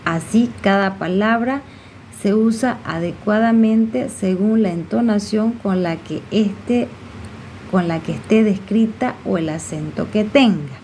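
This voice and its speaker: A woman explaining a lesson to students, pausing often with fillers and checking questions. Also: mid-range voice, a little mellow, slight background noise. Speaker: teacher.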